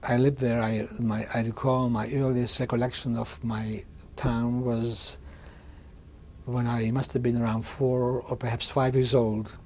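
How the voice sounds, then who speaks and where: Halting older man recounting his childhood. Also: medium pitch, a little mellow, a little hiss or hum. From Hungary. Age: 60s. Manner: halting, with frequent restarts and repeated words. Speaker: interviewee. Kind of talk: oral history testimony.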